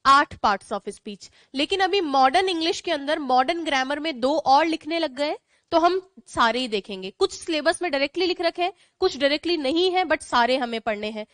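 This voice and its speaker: A woman's voice: high voice, animated, fairly quick, dry recording. A woman with an Indian accent teaching an online English grammar class, explaining in Hindi mixed with English, repeating points and asking the class questions.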